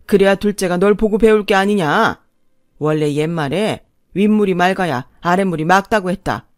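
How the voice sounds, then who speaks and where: A woman voicing a stern older father-in-law who lectures and scolds in a loud, booming, authoritarian voice, in a dry recording. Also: moderate pace, no echo, close to an everyday voice. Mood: scolding.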